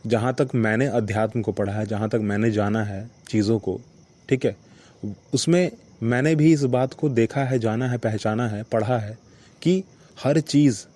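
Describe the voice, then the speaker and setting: A man's voice: mid-range voice, dark tone. A man hosting his own podcast, talking through a story in a casual, reflective monologue and often checking in with short tags like "okay" and "right". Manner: reflective, repeats points with "ठीक है" and "ना". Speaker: podcast host.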